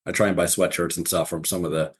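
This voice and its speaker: A low-voiced man from southwestern Pennsylvania hosts a casual chat. He rambles and restarts his questions as he goes along. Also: level tone, fast, slightly rough. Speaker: podcast host.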